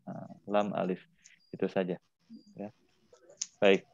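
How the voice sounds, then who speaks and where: A man's voice: low-pitched, completely flat delivery, slow, gravelly, a little mellow, no room sound, lo-fi sound. A man teaching Arabic in an online class, patiently repeating words for his students to drill.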